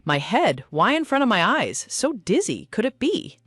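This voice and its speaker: A woman's voice: fairly high pitch, sing-song, normal speed, fairly bright tone, slightly rough, dry recording, studio quality, full character voice. A woman voicing a frightened little girl who has turned into a lizard, speaking her anxious inner thoughts. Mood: fearful.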